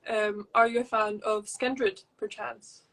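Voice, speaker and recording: A woman's voice: medium pitch, level tone, slow, fairly bright tone, low-quality recording. A woman guesting on a podcast, chatting casually and poking fun at herself. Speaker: podcast guest and host of another show. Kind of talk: casual chat.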